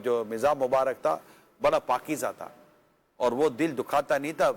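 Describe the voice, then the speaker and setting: A man with a Pakistani Urdu accent, a religious scholar giving earnest, conversational marital advice, full of pious phrases and rhetorical questions. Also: medium pitch.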